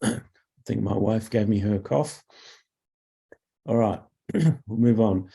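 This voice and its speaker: Leading an online product webinar as its product manager, a man with a mellow, somewhat low voice sounds croaky from a cough. He speaks into a desk mic in halting bits full of "uh" and "um," clearing his throat often.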